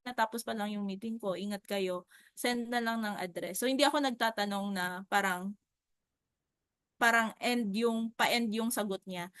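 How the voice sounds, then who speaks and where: A young woman with a Filipino accent tells a story in a chatty, animated way, often calling out to her viewers. Her voice sits a little high and sounds bright and sharp. The recording is dry and close, with no room sound. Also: dry recording. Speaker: insurance agent. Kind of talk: casual storytelling vlog.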